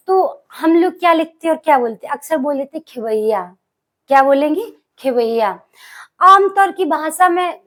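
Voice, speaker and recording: High-voiced woman teaching spelling. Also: a bit bright. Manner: asks the class questions and answers them herself; stretches out key words slowly to stress spelling. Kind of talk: exam-prep spelling lesson.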